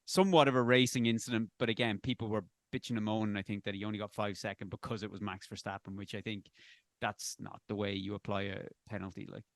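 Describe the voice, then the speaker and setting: A man on a racing review panel talks fast in a fairly low, flat voice, recorded with clean studio sound and no room echo. As a pundit in this casual race review chat, he rambles, corrects himself, and speaks bluntly, swearing now and then.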